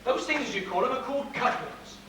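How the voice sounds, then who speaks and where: An actor playing a friendly, folksy railway porter in an amateur stage play. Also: male voice, very high voice, animated, brisk. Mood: chatty. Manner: homely, folksy, a bit teasing. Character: friendly older male railway porter, chatty. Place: theatre stage. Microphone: distant audience recording. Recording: echoey hall from far off, noisy.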